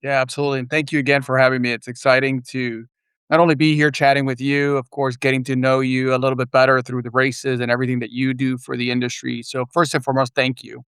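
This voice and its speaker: Podcast guest: middle-aged man from Puerto Rico, gravelly and flat, measured, dry remote sound. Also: mid-range voice, no room sound. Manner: measured, frequent "uh" pauses. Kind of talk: casual interview chat. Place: remote, virtual studio.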